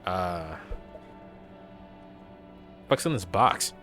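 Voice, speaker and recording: A man's voice: low-pitched, animated, very slow, fairly bright tone, soft background music. A man streaming a video game with casual, playful, profane commentary, sometimes reading the text aloud.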